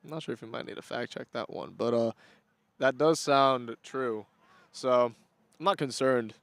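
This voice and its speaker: A man's voice: medium pitch, moderate pace, fairly bright tone, no room sound. A young man giving casual, joking color commentary on a school soccer match.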